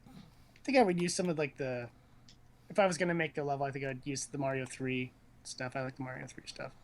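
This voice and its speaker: Commentating on a video game stream, a man chats casually while he watches the game, teasing and joking in slangy language. His voice is medium-pitched and fairly quick.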